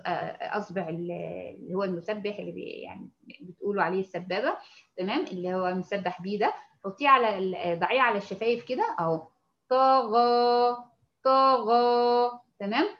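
A woman with an Egyptian Arabic accent gives a tajweed lesson on Quran recitation, patiently explaining and slowly demonstrating sounds. Her voice is medium-pitched, and the recording is muffled.

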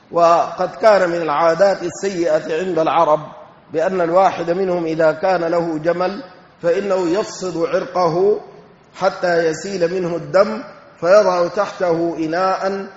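A man giving a Quran exegesis lesson, explaining slowly and deliberately and reciting verses. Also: fairly high pitch. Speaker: Quran tafsir teacher. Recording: echoey hall, dull lo-fi sound.

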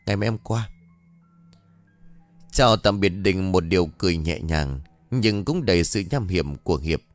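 A man with a low voice tells a story in a dramatic, scripted way, letting his pitch rise and fall widely. The sound is dry and close, with soft music underneath. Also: dry recording.

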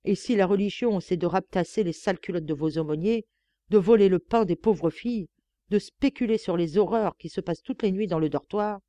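A woman reading an audiobook, voicing a defiant young chambermaid who talks back loudly and indignantly. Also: medium pitch, fairly quick, no room sound, close to an everyday voice. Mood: furious. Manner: indignant, sharp-tongued, raises her voice.

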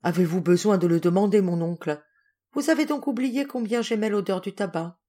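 Soft kind mom character, woman reading her. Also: mid-range voice, brisk, natural voice. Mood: warm. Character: gentle, kind young mother.

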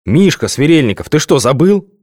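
A male audiobook reader voicing a cheerful, curious middle-aged man who asks lively, eager questions. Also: a little high, moderate pace, no echo, studio quality, voice pushed up.

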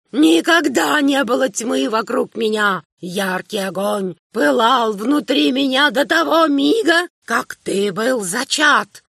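A woman voicing an old, half-blind male emperor who rants and shouts in a quavering old man's voice, reading an audiobook. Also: sits high, vocal fry, husky, no room sound, clean studio sound, voice pushed up, exaggerated voice. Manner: ranting, shouting, drawn-out curses. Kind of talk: audiobook character voice.

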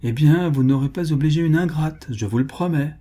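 A man's voice: a little high, fairly quick, dark tone, pitched above the performer's own voice, natural voice. A man reading an audiobook, voicing a shrewd and insistent young kept woman who presses and pleads. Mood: coaxing. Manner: pleading, commanding.

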